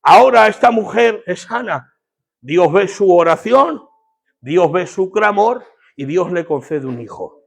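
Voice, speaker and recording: A male pastor delivers a fervent sermon. His voice sits high and carries a gravelly edge. He pauses to draw responses from the congregation. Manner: fervent preaching with call-and-response.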